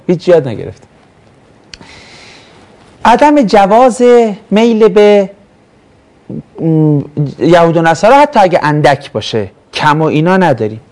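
This man's voice is on the high side with a darkish tone. He teaches religious studies in Mashhad, Iran, giving a classroom lesson on Quran verses in a chatty, joking way and frequently quizzing his students.

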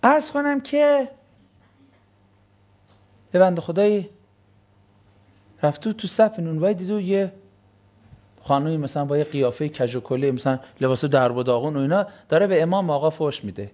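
High-voiced man preaching with biting sarcasm. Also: lively intonation, pauses often, darkish tone. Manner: sarcastic, acts out quoted excuses in mocking voices. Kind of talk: religious lecture.

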